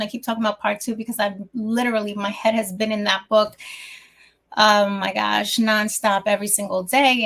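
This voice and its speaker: A woman's voice: medium pitch, vocal fry, a bit bright. A woman hosting her own talk show as a coach, speaking casually in a rambling way with many restarts, a little out of breath. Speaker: host and life coach.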